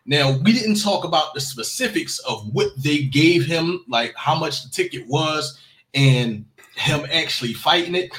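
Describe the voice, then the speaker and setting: A man's voice: a little high, lively intonation, measured pace, a bit bright, rough recording. A man in his early forties telling a personal story in a casual podcast chat, full of fillers and restarts. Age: 40s.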